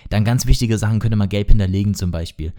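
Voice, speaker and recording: A man's voice: on the low side, fast, warm tone. A man hosting a casual solo podcast lesson, chatty and often correcting himself as he explains things. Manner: chatty, self-correcting, peppered with English marketing terms. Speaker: podcast host teaching sales copywriting.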